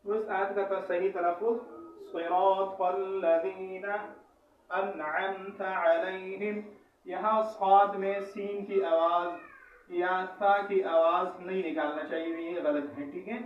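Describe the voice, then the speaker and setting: A man with a high voice teaches recitation patiently, spelling out each syllable and repeating it so students can follow. He sounds set back from the mic in an echoey room, and the audio is a bit dull and muffled. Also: steady tone, recorded from a distance, slight background noise. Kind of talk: teaching lesson.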